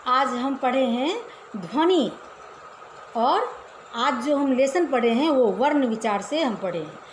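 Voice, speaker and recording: A woman's voice: sits high, lively intonation, slow pace, slight background noise. A woman teacher giving a casual class to children, explaining step by step and often asking the pupils questions. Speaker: Hindi teacher. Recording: echoey room with faint ambience.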